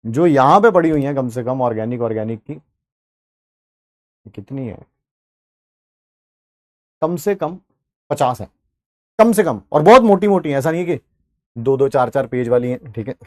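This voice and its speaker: A man's voice: mid-range voice, expressive, moderate pace, pauses often, no echo, studio quality. A man with an Indian accent teaching an online chemistry class in a chatty way, talking straight to his students and mixing in English terms.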